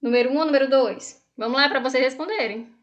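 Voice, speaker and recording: A woman's voice: high-pitched, fast, lo-fi sound. A woman from Brazil teaching an online language lesson, explaining patiently, asking the class questions and reading exercises aloud. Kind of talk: online Spanish lesson for students.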